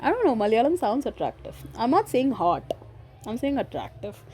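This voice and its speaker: A woman's voice: on the high side, very animated, moderate pace, dark tone, a little hiss or hum. A young woman with an Indian accent chatting on her own podcast, joking, giggly and chatty. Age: young adult. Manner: chatty, mixes Hindi and English, joking, giggly. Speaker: podcast host. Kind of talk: casual solo podcast chat.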